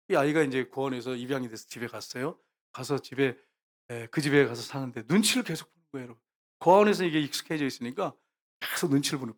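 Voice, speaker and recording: A male pastor preaching a sermon. He speaks straight to the congregation and moves between loud, emphatic lines and hushed storytelling. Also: on the high side. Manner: often addresses the congregation directly.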